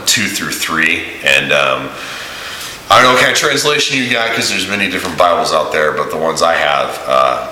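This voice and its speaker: A man's voice: low-pitched, sharp tone. A man talking in a rambling video diary full of uh and um fillers, recorded in an echoey room. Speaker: mission-trip vlogger. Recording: echoey room with faint hiss.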